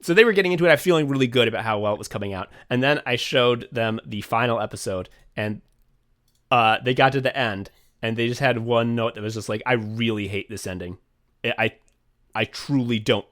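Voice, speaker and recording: A man who co-hosts a podcast and also writes chats casually in a fairly low-pitched, fairly bright voice. He rambles, swears often, and fills his speech with fillers and restarts.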